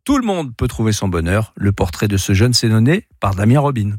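A man's voice: lowish voice, very animated, brisk, darkish tone, no echo, clean studio sound. Male local radio news presenter.

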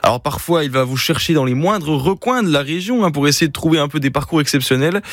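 A man's voice: a little high, expressive, fast talker, dry recording. A man hosting a local radio show, presenting a call-in game in an upbeat, promotional patter. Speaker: radio host.

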